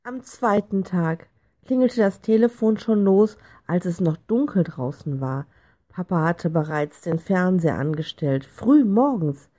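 A woman narrating a children's storybook in a calm, clear reading voice. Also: fairly low pitch, unhurried. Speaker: audiobook reader.

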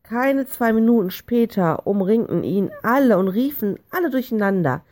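A woman narrating a children's storybook in a calm, clear reading voice. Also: on the high side, moderate pace. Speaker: audiobook reader.

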